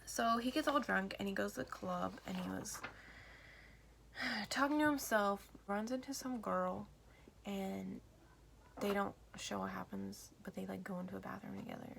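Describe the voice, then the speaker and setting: Valley girl woman with creaky vocal fry. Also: mid-range voice, moderate pace, fairly bright tone, slight background noise. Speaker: movie reviewer retelling a film. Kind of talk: casual chatty film recap.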